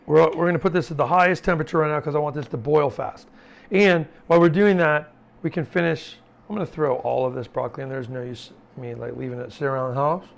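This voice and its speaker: Gravelly-voiced chef chatting while cooking. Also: male voice, a little high, fast talker. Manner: chatty, informal, with frequent fillers and asides. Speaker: chef teaching a cooking class. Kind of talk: casual cooking demonstration. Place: home kitchen, cooking at the stove. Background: sizzling pan and chopping.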